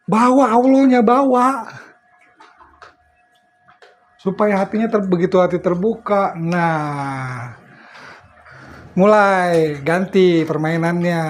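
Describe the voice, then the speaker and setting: A middle-aged man preaches in a relaxed, chatty way with a high voice. He laughs often as he tells his stories. Faint noise sits behind him. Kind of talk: casual religious study talk.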